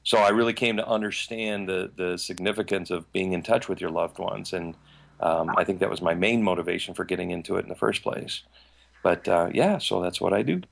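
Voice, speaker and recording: Gravelly Liverpool man, earnest and rambling. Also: low voice, a little fast. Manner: earnest, rambling, gently joking. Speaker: psychic medium guest. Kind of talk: casual chat.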